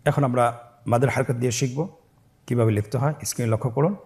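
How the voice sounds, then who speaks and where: A man teaching Quran reading, spelling syllables slowly and asking listeners to repeat after him, voicing each joined word louder. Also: mid-range voice, fairly even intonation. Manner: slow, syllable-by-syllable call-and-repeat drilling. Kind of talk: step-by-step recitation lesson.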